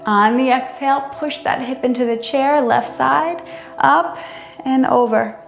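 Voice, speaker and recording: Female yoga instructor, slightly high voice, careful and unhurried guidance, roomy sound. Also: vocal fry. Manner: careful, unhurried, measured delivery. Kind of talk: guided chair yoga instruction. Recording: roomy echo, music underneath. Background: music.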